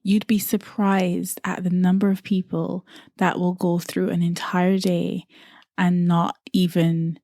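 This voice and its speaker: A middle-aged woman from Barbados hosts a reflective solo podcast, earnest and musing, repeating phrases for emphasis. Her lowish voice is mellow with a level tone and slow pace, recorded dry at studio quality.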